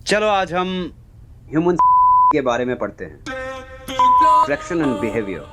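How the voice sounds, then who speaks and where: Schoolteacher, slightly high voice, prodding questions to the class. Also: male voice, big pitch swings, slow, over loud music. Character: schoolteacher leading a class revision. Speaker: teacher. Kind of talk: web series acting.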